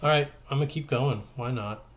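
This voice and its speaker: Talking a little fast in a mid-range voice, a male high school math teacher walks through worked problems informally. He stays conversational, thinks out loud, and checks and corrects himself as he goes.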